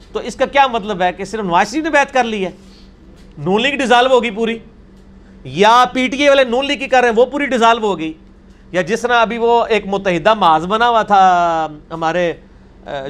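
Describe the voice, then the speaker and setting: Man, high voice, argumentative scholar answering questions in a talk. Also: a bit bright. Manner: emphatic, argumentative, quotes others in put-on voices. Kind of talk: seated Q&A discussion.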